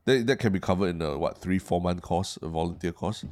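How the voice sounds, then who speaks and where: A man with a deep voice and a Singaporean Singlish accent. He discusses things casually as a podcast co-host, choosing words carefully, with hesitations and repeated words. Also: fairly quick, a little mellow.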